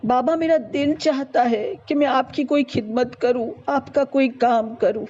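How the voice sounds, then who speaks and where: A woman playing a young son who pleads in a hesitant, ashamed way, his voice pitched a little below hers. The tone is mellow and the recording dull and lo-fi. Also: steady tone, a little hiss or hum, lightly acted. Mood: eager.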